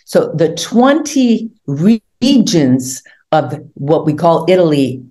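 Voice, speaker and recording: Low, mellow-voiced woman on a video call. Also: takes it slowly. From Hungary. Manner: animated storytelling, gesturing with hands. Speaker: guest, tour organizer. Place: home room indoors. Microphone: video call webcam.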